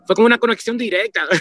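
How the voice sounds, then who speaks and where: A very high voice belongs to this band leader in his forties, a musician guest from Puerto Rico and the Dominican Republic, chatting casually with a Caribbean Spanish accent in an interview over a video call webcam. He is animated and often starts his sentences over, and "¿me entiendes?" comes up again and again.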